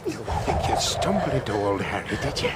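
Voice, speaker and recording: Lecherous wrecker, leering, taunting, wildly swinging pitch, radio play with heavy noise. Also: male voice, big pitch swings, brisk. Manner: leering, taunting, then howling in pain. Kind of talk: radio drama acting.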